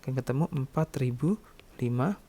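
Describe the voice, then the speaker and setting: He's an accounting lecturer whose mid-range voice is expressive and dark in tone, delivered at normal speed. Step by step, he explains the material and keeps adding quick tag words to check in with listeners.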